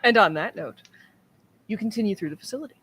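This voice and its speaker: A woman acting as game master, describing scenes in an unhurried way with frequent pauses and ums. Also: medium pitch, animated, fairly bright tone, slightly rough. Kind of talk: narrating a tabletop game.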